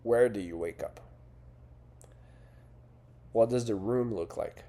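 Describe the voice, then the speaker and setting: A man's voice: fairly low pitch, slow, warm tone. A man talking as a fitness and life coach, in an earnest, conversational way with frequent rhetorical questions. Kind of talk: coaching talk to camera.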